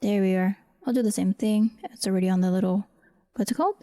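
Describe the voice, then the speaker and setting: Murmuring short fragments to herself, a voice actor talks casually through editing audio in a screen recording, thinking out loud as she goes. She speaks quickly in a mid-range, dark-toned voice with fairly even intonation.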